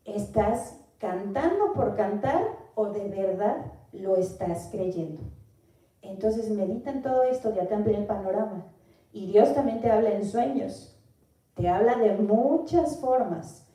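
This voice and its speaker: A woman's voice: medium pitch, warm tone. A woman from Mexico with a Mexican Spanish accent, giving an earnest Bible teaching and asking the listener questions. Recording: echoey room, voice from far off.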